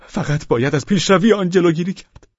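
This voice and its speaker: A man performs a nervous, meddling man fussing over a sick friend in a storybook reading. His voice jumps high and shrill with worry, with a husky grain. The recording is dry and dull, like an old audiobook. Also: no echo. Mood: fretful. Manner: fretful, insistent, shrill. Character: anxious fussy middle-aged man nursing a sick friend.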